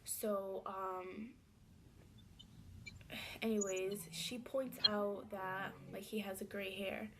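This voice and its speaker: A woman telling a personal story in a soft, hesitant way, sometimes dropping to a near-whisper. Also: medium pitch, steady tone, takes it slowly, long pauses, noisy background.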